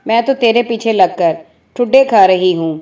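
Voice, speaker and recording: A defiant, sharp-tongued wife snaps and scolds in a dark, mellow storybook voice, as a woman narrator plays her. Her talk is blunt and indignant. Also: medium pitch, lightly acted. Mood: scolding. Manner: snappy, scolding.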